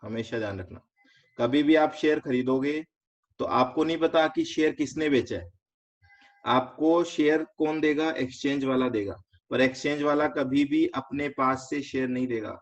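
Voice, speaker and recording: A man with an Indian accent teaching a finance lesson step by step, quizzing students and mixing in English terms. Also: medium pitch. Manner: explains step by step, asks students quick check questions; mixes English terms into explanation. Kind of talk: online class lecture. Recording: slightly dull lo-fi recording.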